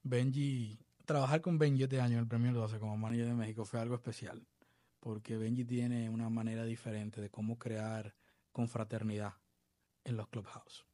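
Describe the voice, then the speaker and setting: A man from the Dominican Republic, a baseball coach being interviewed, talking in a measured, reflective way. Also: medium pitch, little pitch movement, warm tone, no echo. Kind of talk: podcast interview.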